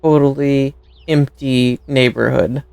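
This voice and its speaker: Sarcastic woman streamer, slow and smooth. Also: very deep voice, fairly even intonation, dark tone, rough recording. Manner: dry sarcastic muttering, playful meowing. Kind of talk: casual gameplay commentary.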